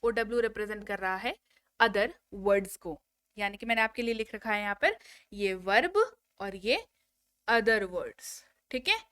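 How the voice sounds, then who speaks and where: A woman's voice: medium pitch, lively intonation, a little slow, a bit bright, smooth, no room sound. A woman teaching a spoken English lesson, drilling word lists and prompting students to repeat after her.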